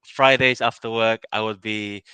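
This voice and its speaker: A man's voice: lowish voice, fairly even intonation, moderate pace, pushed and bright, clear, resonant tone, no echo. A man from Malaysia in his thirties, answering interview questions casually, with many fillers, restarts and easy laughs. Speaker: innovation project lead.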